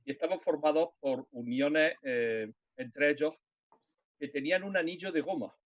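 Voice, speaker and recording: A man's voice: a little high, moderate pace, no room sound. A man on a live science panel, explaining technical details step by step. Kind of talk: live stream panel talk. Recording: dull, dry sound.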